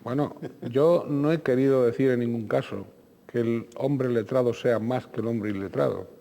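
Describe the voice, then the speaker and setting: A male TV interviewer asking questions in a formal, courteous, measured way. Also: mid-range voice, gravelly, warm tone. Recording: long hall reverb.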